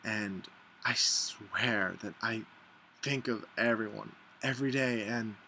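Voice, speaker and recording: A man talking casually and warmly to camera about his best friend, filling his talk with "like" and playing out what friends say. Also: takes it slowly, gravelly, a little hiss or hum. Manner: chatty, lots of "like", mimics friends in higher voices. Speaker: vlogger. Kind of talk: casual heartfelt vlog.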